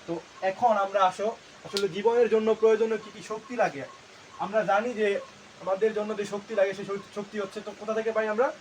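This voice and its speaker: A man with a high voice teaching a lesson at a board. He keeps putting questions to the class and answering them himself, and he repeats each key term so it sticks. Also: steady tone, quick pace, slight background noise. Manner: asks and answers his own questions. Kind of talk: classroom lecture.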